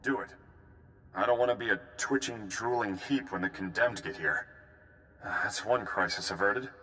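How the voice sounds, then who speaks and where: A tense, forceful male voice, fairly low in pitch and bright, belongs to an actor portraying a gruff, dutiful prison station officer. He gives quick military briefings in a video game.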